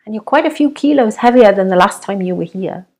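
A gentle older nurse, as a woman reader puts her on, speaking softly and calmly with quiet concern. She delivers hard news kindly, in a level, caring audiobook voice. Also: mid-range voice, fairly quick, close to an everyday voice. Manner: calm, soft and concerned.

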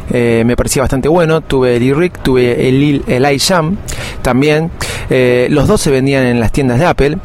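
A man's voice: mid-range voice, moderate pace, a little mellow, slight background noise. A middle-aged man with an Argentine accent hosting a podcast in a casual, rambling monologue full of anecdote. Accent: Argentine Spanish. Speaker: podcast host.

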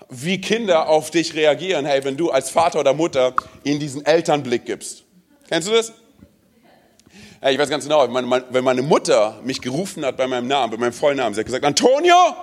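A man from Romania preaching to a congregation, emphatic and direct, peppering his sermon with "hey" and asking the listeners questions. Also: on the high side. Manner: speaks straight to the congregation with questions. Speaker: pastor.

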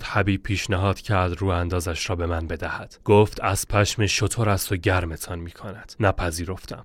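A man narrating a first-person story in a measured, tense way, close to a studio mic. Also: lowish voice, dry recording.

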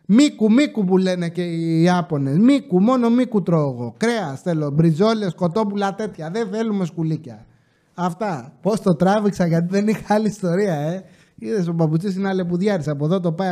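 A man's voice: sits high, mellow. A man hosting a podcast, telling a funny story in a casual monologue, full of jokes and chatty asides to his listeners. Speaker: podcast host.

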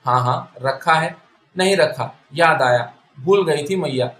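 A man reading the lines of a timid, resentful pregnant young wife in a story, in a lowered tone. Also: a bit bright, echoey room, lightly acted. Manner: timid, resentful inner complaint.

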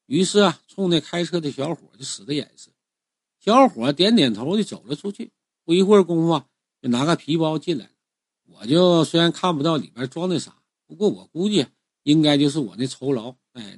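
A man telling a first-person story in a conversational, animated way, drawing out the ends of his phrases. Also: on the high side, no room sound, clean studio sound.

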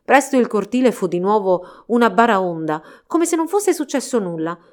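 A woman narrating a fairy tale storybook in a steady, expressive reading. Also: mid-range voice, moderate pace.

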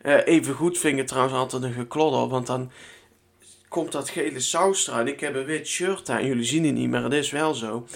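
This is a young man from the Netherlands talking to his podcast listeners from his room at home. His mid-range voice has a gravelly, creaky edge. He rambles from one story to the next in easy chat and lets the odd swear word slip. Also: mid-range voice, fairly quick. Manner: chatty and rambling, with casual swearing. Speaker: podcast host. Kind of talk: casual solo podcast chat.

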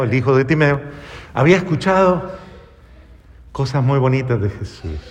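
A man delivers a sermon in a medium-pitched voice with a long reverb tail. He tells the story dramatically, acting out the voices of the characters in quotes, with big swings in loudness.

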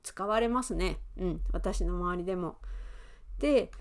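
A woman in her thirties with an Osaka accent, hosting a podcast lesson and explaining words in an easygoing way with fillers and soft laughs. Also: on the low side, a little slow. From Osaka, Japan. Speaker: Japanese teacher and podcast host.

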